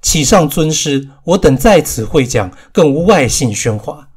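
A man doing a husky, eager monkey disciple. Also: on the high side, animated, unhurried. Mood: boastful. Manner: pleading, boastful.

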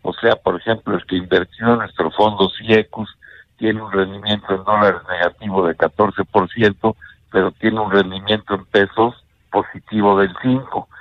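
On a radio interview, an older Mexican man who works as a bank executive gives careful investment advice, frequently ending a point with a question-like tag. He speaks with a Mexican Spanish accent in a lowish, fairly even voice. There's no room sound, and the highs are cut off.

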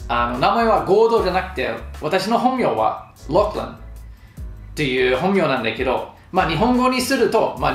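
A man giving casual pronunciation tips to camera in a chatty, joking, mildly exasperated way. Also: a little high. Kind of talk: casual vlog talk to camera. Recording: roomy echo with faint music.

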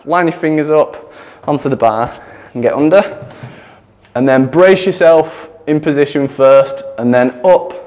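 A man's voice: mid-range voice, a little mellow. A man, out of breath, demonstrating gym exercises as a chatty fitness coach who laughs at himself. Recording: echoey gym with long reverb.

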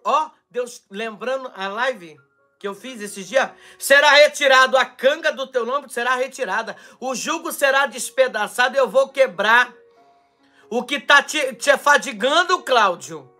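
A Brazilian pastor preaching a charismatic live-stream sermon with prophecy, fervent and shouting, then dropping to quiet asides, his throat strained from shouting. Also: very high voice, measured pace, soft background music. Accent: Brazilian Portuguese. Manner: fervent, shouting, swings between loud cries and quiet asides.

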